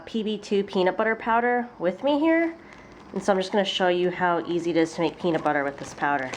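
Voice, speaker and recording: In a small apartment, a young woman films a cooking vlog indoors, moving between the room and the kitchen. Her fairly low voice sounds congested and stuffy, and there's slight background noise. She's chatty and upbeat and laughs often.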